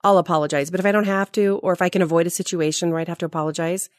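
A woman in her forties, appearing as a podcast guest, tells stories in a casual chat and laughs at herself throughout. Her voice is on the low side and rapid-fire, and her delivery is animated and self-mocking. The recording is dry with clean studio sound.

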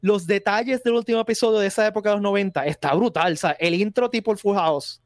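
A man's voice: sits high, fast talker, dry recording. Man chatting on a dry home mic. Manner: talkative, steers the discussion. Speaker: podcast co-host. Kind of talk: casual chat.

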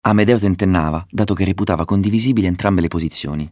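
A man narrating a fable in a measured storytelling manner. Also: sits low, a little mellow, dry recording, clean studio sound. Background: faint music.

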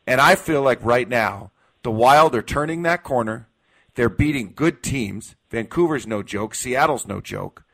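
An American sports talk show host with a medium-pitched voice makes his case emphatically, repeating key phrases for weight like an opinionated radio host. He speaks unhurriedly, with a creaky and slightly bright quality.

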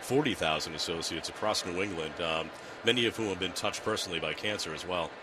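A man from the Boston area speaking as a corporate guest in a live broadcast interview, conversational and a little halting, repeating words. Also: sits low. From Boston area, United States. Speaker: corporate public affairs director, guest in the booth. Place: broadcast booth at a ballpark. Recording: broadcast booth with clear outdoor noise.

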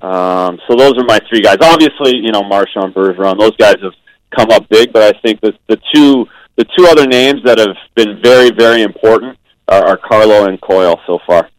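A man, a former goaltender, giving hockey analysis over a phone line on a radio show, measured, with frequent ums and restarts. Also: on the low side, no echo.

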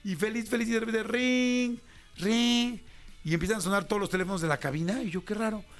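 A man's voice: high voice, very fast, fairly bright tone, soft background music. A Mexican man in his fifties, a radio host animatedly telling a slangy story about his first job and acting out the voices in it. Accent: Mexican Spanish. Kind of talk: casual storytelling.

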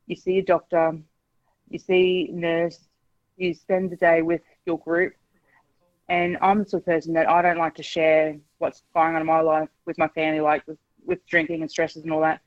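A woman in her forties calls in to a radio show and chats candidly, speaking frankly but with many hesitations. Her voice sits low, and the lo-fi recording has no echo.

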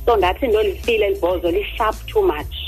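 A woman's voice: medium pitch, fast, a little mellow, breathy edge, faint music behind. A South African woman telling a personal story in plain conversation on a radio programme. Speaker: caller sharing personal story.

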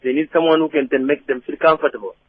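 A Congolese-accented man with a distinctly high voice gives his emphatic opinion on a radio phone-in. He explains insistently and checks that he is being understood. The sound is dry and somewhat dull, like a call put on air. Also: steady tone, fast, dry recording.

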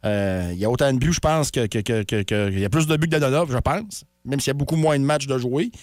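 A woman's voice: very deep voice, a little mellow, no room sound. A woman with a Quebec French accent, a morning radio co-host giving a chatty sports report with frequent fillers, speaking into a studio microphone. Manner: brisk, chatty, stumbles with fillers.

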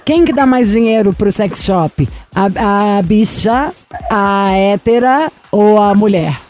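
A woman's voice: mid-range voice, slow, a little mellow, soft background music. A woman from Brazil, hosting a radio show with brash, teasing, playful banter. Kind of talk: bantering casual radio chat.

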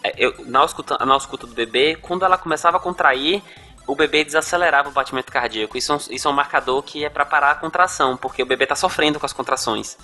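A young adult man with a Brazilian Portuguese accent, telling hospital stories on a casual podcast in an animated way and acting out the quotes. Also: a little high, racing, faint music behind. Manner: animated, acts out quotes, frequent restarts. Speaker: medical storyteller and podcast co-host.

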